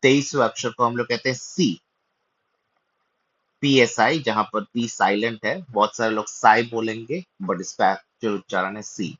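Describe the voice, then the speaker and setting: A man teaching the Greek alphabet, reciting the letters slowly and carefully and mixing in English. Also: fairly low pitch, a bit bright, dry recording, muffled recording. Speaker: Bible language teacher.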